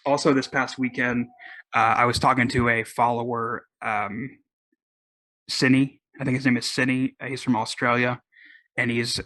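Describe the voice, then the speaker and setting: This Oklahoma man hosts his own podcast, rambling casually through solo talk with plenty of restarts and fillers. His mid-range voice has a sharp tone and a Southern US accent, and the recording is dry.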